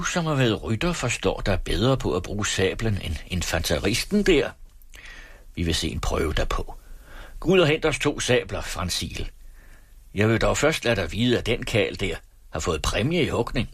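A man's voice: lowish voice, big pitch swings, husky, dry recording, clean studio sound, voice pushed up, heavily acted. A man voicing a domineering male army colonel who speaks in a raised, commanding, challenging tone. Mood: taunting.

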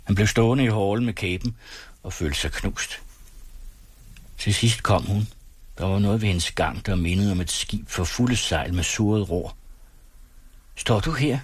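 Dyb mandestemme læser lydbog, rolig og afmålt, lidt hæs. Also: male voice, fairly low pitch, slightly rough, no room sound. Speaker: audiobook narrator. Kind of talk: scripted narration.

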